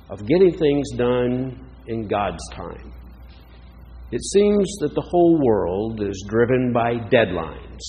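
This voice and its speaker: A man preaching a reflective sermon, slow and deliberate, with lingering pauses. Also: mid-range voice, darkish tone. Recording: dull lo-fi sound with long hall reverb.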